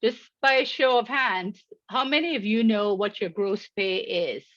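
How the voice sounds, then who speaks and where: A middle-aged woman, an insurance agent, gives a scripted webinar presentation in a measured way, reading prepared remarks. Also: mid-range voice, fairly bright tone, no echo, muffled recording.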